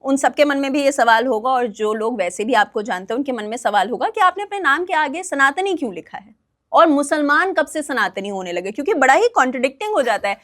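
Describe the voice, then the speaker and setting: A woman's voice: high-pitched, animated, fairly quick, a bit bright. A woman hosting a podcast interview, introducing the show and asking probing questions. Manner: friendly introductions, probing questions, frequent short acknowledgments. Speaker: podcast host.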